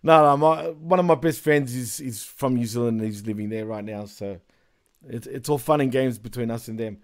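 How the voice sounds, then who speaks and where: A man's voice: mid-range voice, moderate pace. A man co-hosting a wrestling podcast, blunt and laughing a lot in casual chat. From Australia. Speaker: podcast co-host.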